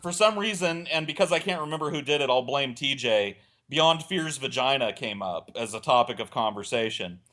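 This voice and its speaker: Here a man's mid-range voice moves at a moderate clip, barely stopping for breath. It's a casual podcast anecdote, crude and meandering, told with lively acted-out quotes.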